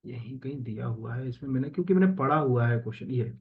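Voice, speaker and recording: A man's voice: mid-range voice, lively intonation, fast, phone-quality sound. A man teaching as an exam coaching teacher, walking through answers in a casual, conversational way with many fillers and self-corrections, mixing English terms into Hindi. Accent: Hindi with English terms mixed in. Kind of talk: explaining exam answers while screen-sharing.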